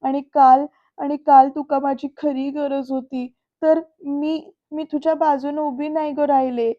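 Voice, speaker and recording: A woman reading out a doting middle-aged aunt, tearful and pleading, in a voice pitched high and kept narrow in tone. The sound is dull, lo-fi and dry. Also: level tone, a little slow. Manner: emotional, pleading.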